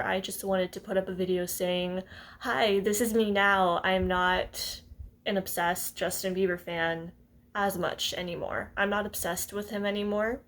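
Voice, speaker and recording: A woman in her twenties talking casually to her viewers, hesitant and rambling, often breaking into small laughs. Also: medium pitch. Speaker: vlogger. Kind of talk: casual talk to camera.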